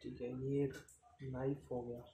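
Guy showing off camping stuff, pretty monotone, echoey tiled room with hiss. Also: medium pitch, unhurried. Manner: unscripted, repeats "ठीक है", counts items aloud. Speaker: product reviewer. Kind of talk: casual unboxing demo. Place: room with tiled floor, indoors.

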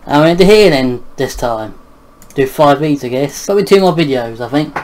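A man reading a manga aloud and commenting on it casually, with offhand asides, chuckles and halting restarts. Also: a little high, animated, a little mellow. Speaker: manga reader and reviewer.

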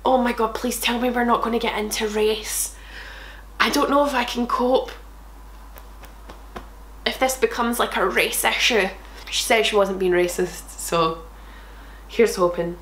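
A woman's voice: on the high side, unhurried, pauses often, fairly bright tone, echoey room. Sarcastic woman reading fanfiction aloud. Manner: sarcastic, laughs at the text, swears freely. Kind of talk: comedic dramatic reading with asides.

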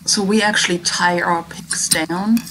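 Female instructor, slightly low voice, chatty explanatory asides to students, clear background noise. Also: fairly even intonation, a little slow. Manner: conversational, addressing students directly. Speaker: biology instructor. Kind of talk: informal commentary over a demonstration video. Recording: clear background noise, video playing behind.

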